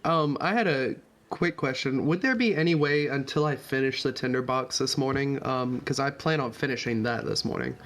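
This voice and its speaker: Relaxed man player with many ums. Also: medium pitch, normal speed, hardly any pauses. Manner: relaxed, hedging with fillers. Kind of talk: casual tabletop game chat.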